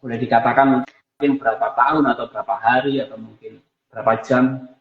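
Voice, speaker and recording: A man's voice: medium pitch, steady tone, fairly quick, creaky, echoey room, narrow, tinny audio. A man hosting a casual interview, asking questions politely and filling in with short acknowledgements. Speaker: host.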